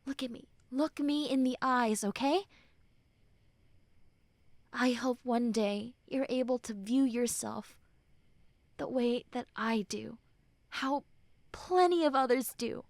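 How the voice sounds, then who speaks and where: A woman voices a high, young-sounding character, a tough tsundere friend who finally lets her guard down in an intimate roleplay. She speaks slowly and earnestly, with hesitant pauses, offering soft, tender, comforting reassurance and often sinking into breathy near-whispers. The recording is dry, with no echo.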